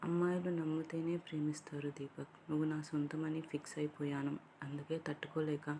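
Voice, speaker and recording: Woman reader as a lovesick young woman, soft-spoken, low voice, faint hiss. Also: little pitch movement, a little fast. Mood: heartbroken. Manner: emotional, soft-spoken confession. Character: heartbroken young woman in love, quietly patient.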